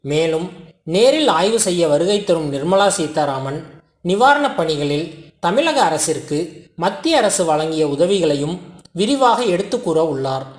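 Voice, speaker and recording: Casting: formal scripted news narrator, measured phrasing, animated intonation, roomy echoing sound. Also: medium pitch.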